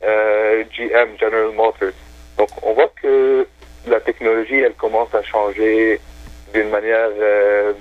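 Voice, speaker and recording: Calling in to a radio show, an Arabic-speaking man talks in French with lots of hesitations and fillers, though he sounds enthusiastic. His voice is fairly low, flat and unhurried, and the tinny phone audio is dry with no echo.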